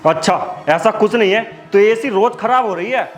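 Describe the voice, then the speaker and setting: A man's voice: high-pitched, normal speed, faint music behind, lightly acted. A young man acting as a suspicious husband in a comic skit, accusing and melodramatic.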